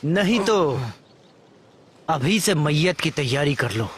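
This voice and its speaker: A man's voice: fairly high pitch, big pitch swings, slow, fairly bright tone, a little hiss or hum, exaggerated voice. A man voicing a ruthless male warlord who makes cold, menacing threats in a film dub.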